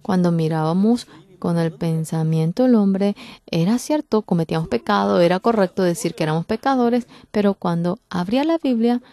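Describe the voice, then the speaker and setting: A woman interpreting a church sermon, speaking fervently with sudden loud, emphatic bursts. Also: mid-range voice, normal speed.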